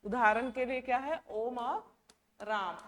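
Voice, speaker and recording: Slow-talking high-voiced woman teacher. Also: long reverb tail. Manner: repeats questions to the class and stretches words slowly. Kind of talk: classroom lecture.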